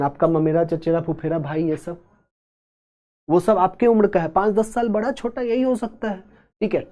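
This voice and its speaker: A man teaching an exam-prep class, explaining step by step at a slow, deliberate pace and adding joking asides to his students. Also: a little high, darkish tone.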